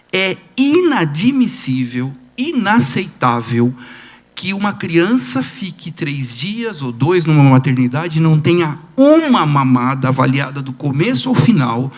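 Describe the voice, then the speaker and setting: Man, Brazilian Portuguese accent, pediatrician lecturing, animated storytelling, lively swinging intonation. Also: on the high side. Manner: animated storytelling, rhetorical questions to the audience. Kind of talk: conference lecture.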